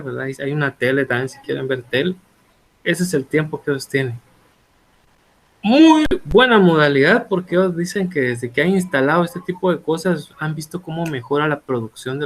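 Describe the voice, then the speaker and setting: A man teaching a law class in a relaxed, conversational way, asking rhetorical questions and correcting himself as he goes. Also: a little high. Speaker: law lecturer. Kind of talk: online law class lecture.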